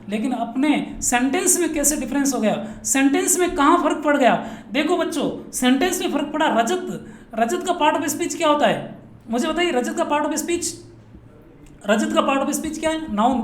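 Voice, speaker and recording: A male teacher from Rajasthan, India, giving a grammar lesson. He playfully asks questions and answers them himself, repeating each point many times. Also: very high-pitched. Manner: drills students, asks and answers his own questions; playful, repetitive. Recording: echoey room with faint noise.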